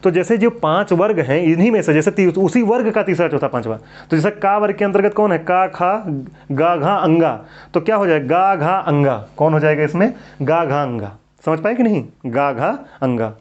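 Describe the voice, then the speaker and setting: A man's voice: a little high, lively intonation, normal speed. A man teaching Hindi grammar in an exam-prep lecture, who keeps asking questions and then answers them himself. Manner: drills students with repeated questions and answers. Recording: dull lo-fi recording.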